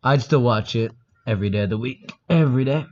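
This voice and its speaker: A man's voice: medium pitch, fast, a little mellow. Joking, hesitant male podcast co-host. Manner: joking, hesitant with many ums. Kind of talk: casual chat. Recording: dull lo-fi recording.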